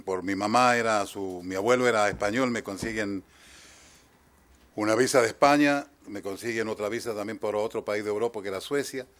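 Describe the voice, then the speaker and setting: A man in his sixties with an Argentine accent, giving halting courtroom testimony as a trial witness and often trailing off quietly. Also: lowish voice. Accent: Argentine Spanish. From Chile, raised in Argentina. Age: 60s.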